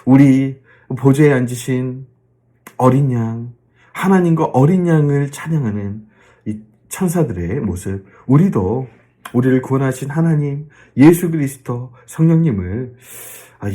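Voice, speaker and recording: Man, pastor, Bible lecture, lively rising and falling pitch, mellow tone, rhetorical questions. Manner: animated, drawn-out fillers, rhetorical questions to the listeners.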